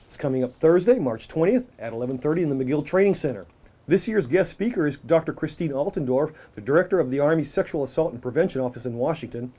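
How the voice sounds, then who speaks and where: Brisk upbeat man reading local news. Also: fairly high pitch, animated, mellow. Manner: upbeat, reads from script. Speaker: news show host. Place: small office.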